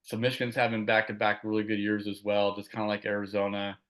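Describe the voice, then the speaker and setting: Male sports-talk host, low pitch, easygoing, leads the conversation. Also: monotone, fast, a bit bright. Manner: easygoing, steers the topics.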